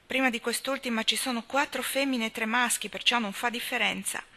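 A woman's voice: a little high, steady tone, fairly quick, bright, forceful tone, pitched above the performer's own voice. A woman voicing an opinionated, gossipy spinster neighbor who speaks emphatically.

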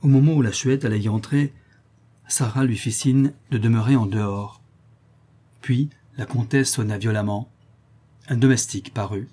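Warm, husky male audiobook narrator. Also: mid-range voice, fairly even intonation, moderate pace, pauses often. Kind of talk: scripted narration.

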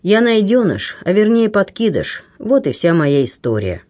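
A man's voice: high voice, very animated, normal speed, darkish tone, voice pushed up. A man reading the part of a lovesick young man who speaks faintly and hesitantly. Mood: weak, tearful.

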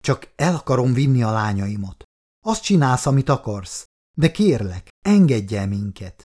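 A man voicing a weary male ex-soldier father who pleads in a soft, coaxing way, in an audiobook reading. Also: medium pitch, very animated.

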